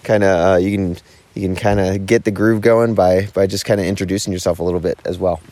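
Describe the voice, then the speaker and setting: A man hosts his own podcast in an easy, excited chat, his voice swinging up and down. The sound is dry and close, with no room around it. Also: quick pace, no echo. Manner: enthusiastic, lively swings in pitch. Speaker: podcast host. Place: at a home property in California.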